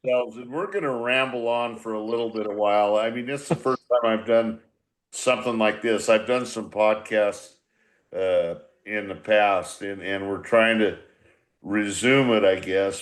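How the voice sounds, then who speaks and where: An older man with a lowish voice and moderate pace, a former baseball manager, leads a group chat on a reunion podcast. His casual conversation is blunt, salty and rambling.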